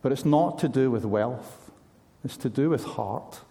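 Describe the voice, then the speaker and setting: A man's voice: mid-range voice, measured pace, gravelly, warm tone. A man preaching a sermon in an earnest, conversational way, asking his listeners pointed questions.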